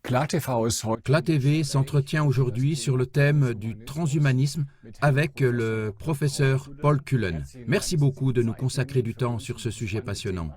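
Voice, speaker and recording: A man's voice: mid-range voice, a little slow, darkish tone, lightly acted. A man voicing an interviewer, asking formal questions.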